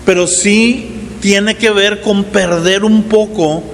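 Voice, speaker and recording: A man in his forties preaching a sermon as pastor, talking in a relaxed conversational way and often checking in with the congregation. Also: high voice, takes it slowly, long reverb tail, a little hiss or hum. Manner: conversational preaching with frequent "¿verdad?" asides. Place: church hall.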